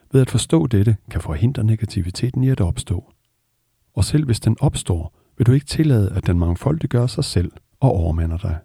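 A man with an Indian accent giving a meditation discourse, telling a parable in a measured, repetitive cadence. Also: fairly low pitch, creaky, mellow, slightly rough, no echo, clean studio sound. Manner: measured, repetitive teaching cadence, voices characters in the story. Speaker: meditation teacher.

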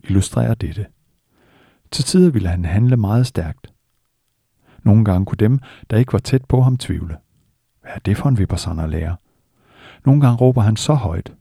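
A man giving a slow, measured, earnest spiritual discourse as a meditation teacher. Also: lowish voice, vocal fry, mellow, slightly rough, no echo, studio quality.

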